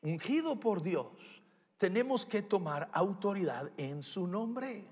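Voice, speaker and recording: High-voiced preacher in an echoey hall. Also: male voice, takes it slowly, breathy edge. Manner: animated, rhetorical questions, humorous asides. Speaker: pastor. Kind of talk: sermon.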